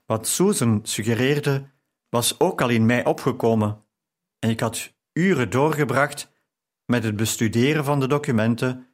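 A man reading a novel aloud as a measured first-person narration. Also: mid-range voice. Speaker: audiobook narrator.

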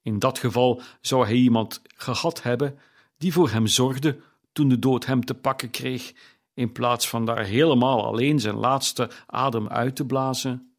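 A man's voice: medium pitch, unhurried, close to an everyday voice. A man voicing a brash, scheming charwoman who talks in a bold, challenging way in an audiobook. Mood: brazen. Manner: brazen, challenging. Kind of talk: audiobook character reading.

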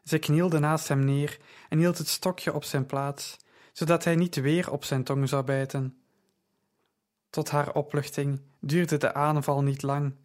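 A man narrating a story in a measured, even style. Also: fairly high pitch. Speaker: audiobook narrator. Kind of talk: scripted narration.

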